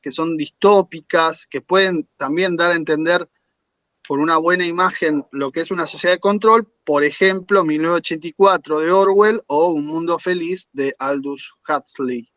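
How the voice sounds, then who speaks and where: A man coordinating a virtual academic panel, explaining points in a measured way and putting questions to the panelists over a video call. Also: a little high, fairly bright tone, no room sound.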